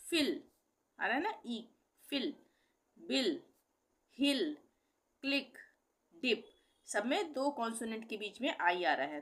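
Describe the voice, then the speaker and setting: A woman's voice: a little high, fairly bright tone. A middle-aged woman teaching a pronunciation lesson, patiently repeating example words and asking and answering her own questions. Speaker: language teacher. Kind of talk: explanatory lesson.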